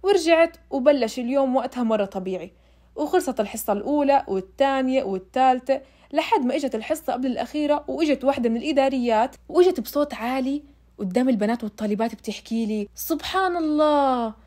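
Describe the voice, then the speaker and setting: A woman's voice: high-pitched, racing, mellow. A young woman telling her own story in a casual, emotional way, speaking straight to her listeners. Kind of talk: casual first-person storytelling.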